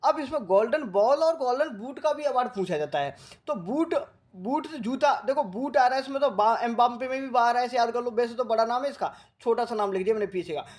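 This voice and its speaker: A male coaching teacher from Rajasthan. He gives a current affairs lecture, speaking slowly and repeating key facts as he drills his students. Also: extremely high pitch, lively intonation, a little mellow. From Rajasthan, India. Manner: slow, repetitive drilling that coaxes students like a big brother.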